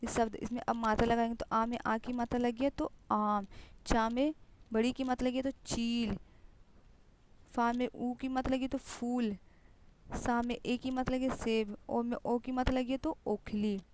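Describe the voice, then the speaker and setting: A woman's voice: on the high side, a little mellow, a little hiss or hum, low-quality recording. A woman teacher explaining grammar patiently to young children, repeating sounds and examples. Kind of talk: online Hindi grammar lesson for young children.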